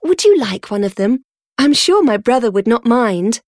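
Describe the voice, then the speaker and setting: A woman voicing a sweet, gentle young woman from a wealthy family, reading her lines in an eager, affectionate way. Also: fairly high pitch, big pitch swings, moderate pace, no room sound, clean studio sound.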